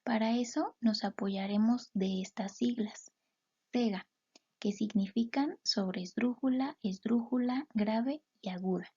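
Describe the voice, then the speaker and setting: Woman teaching, mellow, husky voice. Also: a little high, highs cut off. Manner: slow, clear syllable-by-syllable explanations. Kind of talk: explaining a lesson.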